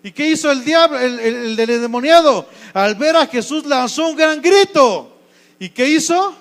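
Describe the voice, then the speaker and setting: A man's voice: very high voice, animated, moderate pace, fairly bright tone. A male pastor with a Mexico City Spanish accent, preaching a sermon in a conversational way and often asking the congregation questions. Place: church.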